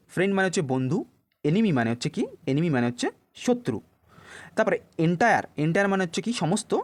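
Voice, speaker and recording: Lively, high-pitched man tutoring. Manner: explains each answer, then checks with "okay?"; reads English sentences slowly, word by word. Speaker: English tutor. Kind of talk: exam-prep lesson explaining answers. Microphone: voice-over on a worked answer sheet.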